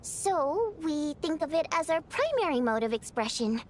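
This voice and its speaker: A woman playing a spirited, cheerful young female water imp singer in a video game, expressive, theatrical and easily flustered. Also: high-pitched, normal speed, a little hiss or hum. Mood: earnest. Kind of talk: animated game voice acting.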